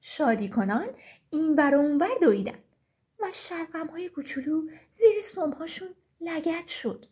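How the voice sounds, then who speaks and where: A woman narrating a children's story in an expressive, sing-song reading. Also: sits high.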